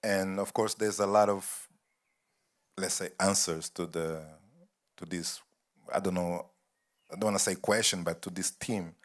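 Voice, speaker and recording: A man's voice: low-pitched, fairly even intonation, a little slow, long pauses. A man from Angola moderating a festival panel, musing and searching for words as he talks. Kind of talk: panel conversation.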